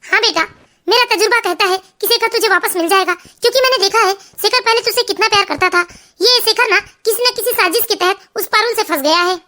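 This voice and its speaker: A woman's voice: very high voice, a little fast, sharp tone. A woman voicing a strong-willed older mother-in-law who comforts her daughter-in-law and scolds her son. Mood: scheming, firm. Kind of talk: storybook cartoon voice acting.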